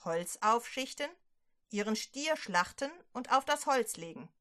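A woman's voice: fairly high pitch, sharp tone. A woman voicing a stern male prophet who scolds a king and commands the people, in a children's Bible story.

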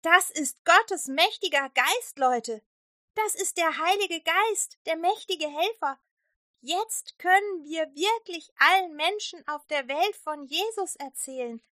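A woman's voice: mid-range voice, sing-song, moderate pace, hardly any pauses, no echo, clean studio sound. A woman voicing an eager, awestruck male disciple in a children's Bible story, calling out in wonder. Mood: joyful.

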